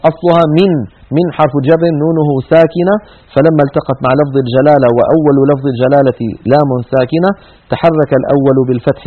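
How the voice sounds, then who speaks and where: Man explaining grammar on a televised lesson, brisk, narrow tinny audio. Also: a little high. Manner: explains slowly, reads examples aloud with emphasis, repeats points. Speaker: teacher. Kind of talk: Quranic Arabic grammar lesson. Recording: tinny phone-like broadcast sound.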